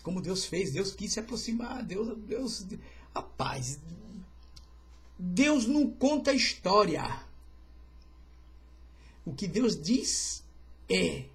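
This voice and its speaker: A man's voice: high voice, very animated, slow pace, long pauses. A man, a pastor, teaching an informal livestreamed Bible study in a chatty way, with joking asides and greetings to viewers.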